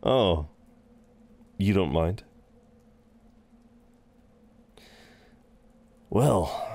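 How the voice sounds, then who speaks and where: With a deep, darkish voice, a man plays an incubus innkeeper at a front desk in a roleplay audio drama. The character is flirtatious, chatty and welcoming, rambling with hesitant asides.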